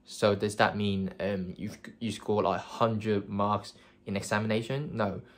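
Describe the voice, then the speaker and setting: A little slowly, a young Hong Kong vlogger with a low, flat voice talks to camera about careers in a casual way. Cantonese is his first language, and his earnest speech keeps stopping to restart or fill gaps.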